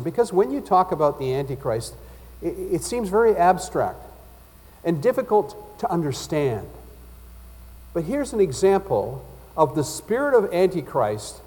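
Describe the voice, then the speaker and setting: Mellow-voiced male preacher in a reverberant hall. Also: fairly high pitch. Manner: earnest teaching, reads quotations aloud with rising intensity. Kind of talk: sermon.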